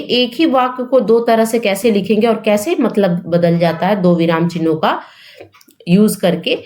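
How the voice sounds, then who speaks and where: Young female tutor, fairly high voice, explains patiently with rhetorical questions for exam-prep grammar. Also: a little mellow. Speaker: teacher.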